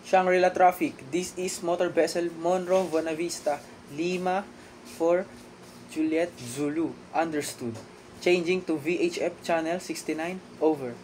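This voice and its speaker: A man's voice: fairly high pitch, steady tone, moderate pace, noisy background. A man speaking as a ship's captain in formal marine radio procedure, carefully giving letters and digits one by one.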